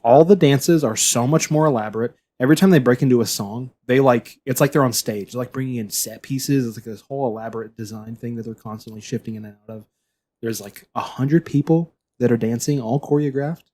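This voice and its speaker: A man with a mellow, warm voice, co-hosting a podcast in loose, casual chat. He rambles, and his sentences tend to trail off. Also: medium pitch, brisk. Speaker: podcast co-host.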